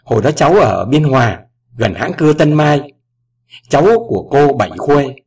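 A man's voice: mid-range voice, lively intonation, moderate pace, darkish tone, slightly rough, voice pushed up. A man voicing a grown daughter who speaks in a choked, pleading, raised voice, recorded at a distance from the mic. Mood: polite, tense.

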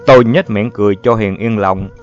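A man's voice: fairly low pitch, a little fast. A man narrating a first-person story in a lyrical, emotive manner. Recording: dull lo-fi audio, faint music.

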